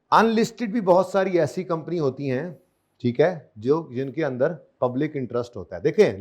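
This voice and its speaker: A man's voice: on the high side, a little mellow. A man lecturing on accounting to a class, repeating key terms over and over and quizzing his students. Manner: drills terms by repetition, asks students questions.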